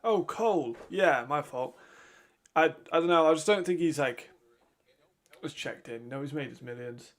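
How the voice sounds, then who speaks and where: A man's voice: fairly high pitch, animated, normal speed. A man giving casual, chatty live commentary while watching a football game, laughing often and trailing off mid-thought.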